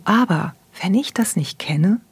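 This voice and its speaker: A woman therapist talking thoughtfully in a soft, often half-whispered, unhurried manner. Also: mid-range voice, animated, husky, no room sound. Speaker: therapist guest. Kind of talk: reflective conversation.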